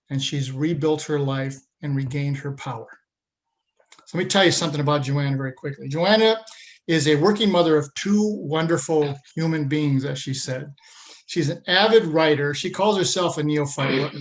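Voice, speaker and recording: A man hosting a podcast, reading an earnest scripted introduction and then interviewing a guest over a remote link. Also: a little high. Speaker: podcast host.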